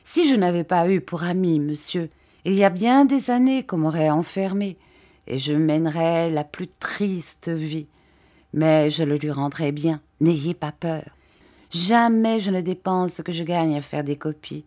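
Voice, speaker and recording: A woman reading an audiobook, voicing a kindly, simple-minded older gentleman who talks in earnest, halting phrases. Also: on the low side, close to an everyday voice.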